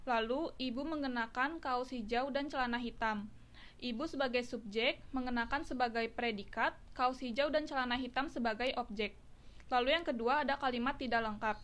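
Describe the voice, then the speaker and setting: Woman, student presenter, reading class notes, steady, slightly high-pitched. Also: moderate pace.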